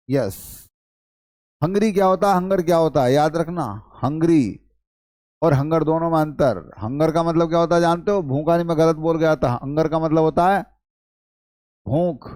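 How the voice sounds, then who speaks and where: A man's voice: on the high side, darkish tone, dry recording, clean studio sound. A man teaching an English lesson, quizzing students and repeating key points. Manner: repetitive questioning, addresses students as brother. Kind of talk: classroom-style lesson.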